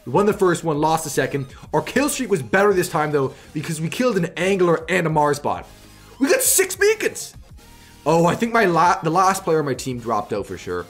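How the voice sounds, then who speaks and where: A man doing live gameplay commentary as a hyped, excitable gamer bro who repeats his phrases, hosting his video. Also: fairly high pitch, fairly quick, few pauses, faint music behind. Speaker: gaming video host.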